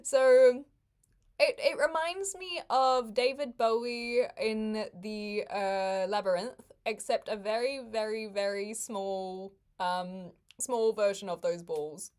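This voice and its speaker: A woman's voice: mid-range voice, slow pace, a little mellow, clear, resonant tone. A woman, chatting casually with viewers on a livestream, laughing often and making wry asides. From New Zealand. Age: 20s.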